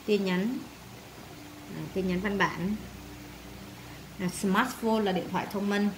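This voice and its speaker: A woman at a middle pitch teaches a vocabulary lesson, saying each word several times before translating it. She pads her speech with frequent filler sounds. Faint background noise sits under her voice. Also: steady tone, takes it slowly. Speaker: English teacher.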